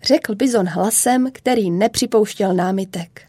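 A woman narrating a children's story in a calm, measured way. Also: medium pitch, breathy edge, no echo.

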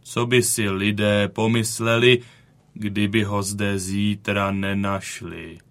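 A weary, wounded old bison. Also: male voice, fairly low pitch, little pitch movement, fairly bright tone. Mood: weary, proud. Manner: slow, weary, dignified. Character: wounded old male bison from a cave painting, weary but proud. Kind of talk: audiobook character reading.

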